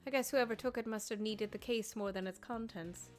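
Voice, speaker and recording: A woman voicing a poised, formal male prosecutor in measured, dry speech. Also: a little high, faint music behind, natural voice.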